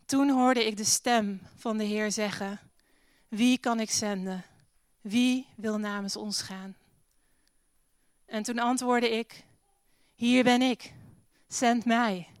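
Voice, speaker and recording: A woman's voice: medium pitch, fairly even intonation, takes it slowly, smooth, clean studio sound. A woman preaching a sermon in a church hall, earnest, reading scripture aloud and leading a prayer, with an occasional English phrase.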